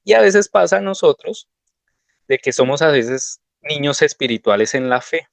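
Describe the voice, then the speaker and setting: A man's voice: on the high side, animated, moderate pace, creaky, no room sound. A man giving a devotional sermon, telling personal stories in a conversational way. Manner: conversational, anecdotal storytelling.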